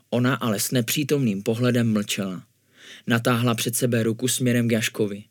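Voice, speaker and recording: A man reading a spooky children's story aloud in a calm, even way, his voice sitting at an ordinary middle pitch. The recording is close and dry, with no echo around him. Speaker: narrator. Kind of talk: storybook narration.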